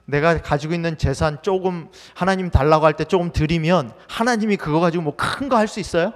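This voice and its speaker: A man's voice: a little high, a little fast. A male pastor preaching a sermon in a conversational way, asking the congregation many questions. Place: church sanctuary. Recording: long hall reverb.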